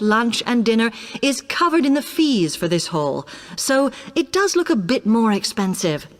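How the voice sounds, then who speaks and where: Actress as helpful female university accommodation officer: British, high-pitched, varied intonation, orderly scripted presentation in a reverberant hall. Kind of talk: scripted informational talk to students. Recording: long reverberant hall sound.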